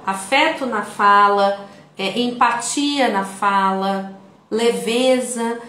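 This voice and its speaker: A woman's voice: on the high side, takes it slowly, sharp tone, slight background noise. A woman with a Brazilian Portuguese accent giving an online video lesson in a conversational way, often checking in with the viewer. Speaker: instructor. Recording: echoey room.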